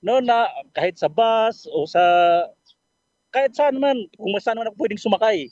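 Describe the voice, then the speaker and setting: An earnest man sharing his faith story on a radio program, polite and full of fillers and restarts. His voice sits high for a man, and the dry, dull recording sounds muffled. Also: animated, normal speed, darkish tone, dry recording. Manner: earnest, polite, with frequent fillers and self-corrections. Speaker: caller sharing a testimony.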